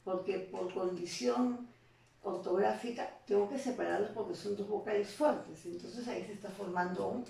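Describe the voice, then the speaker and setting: A woman teacher with a Peruvian Spanish accent gives a slow, deliberate lesson and keeps asking rhetorical questions. Her voice is gravelly and mellow. She sits back from the mic in a very echoey room. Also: medium pitch, recorded from a distance, slight background noise. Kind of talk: classroom lesson.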